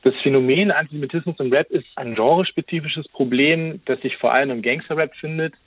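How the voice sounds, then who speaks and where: A man interviewed on the radio as a researcher, answering in a measured way with frequent hesitations. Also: on the high side, slightly rough. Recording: telephone line.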